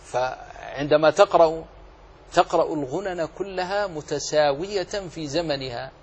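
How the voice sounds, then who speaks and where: A man teaching as a sheikh, explaining a classical poem on recitation rules line by line, deliberate and repeating key phrases for emphasis. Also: fairly high pitch, breathy edge, highs cut off. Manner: demonstrates recitation between explanations.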